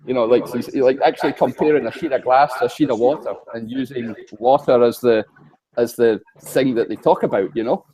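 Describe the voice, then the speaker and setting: A man from the west coast of Scotland, talking hesitantly on a video call with many pauses and restarts. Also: mid-range voice, mellow. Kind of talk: casual discussion on a video call.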